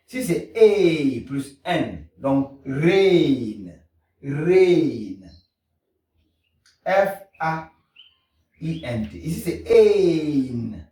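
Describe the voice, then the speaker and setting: Male language teacher, drills sounds very slowly, somewhat high voice; roomy, distant recording. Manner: slow, repetitive drilling of sounds. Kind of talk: pronunciation lesson. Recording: echoey room, mic at a distance.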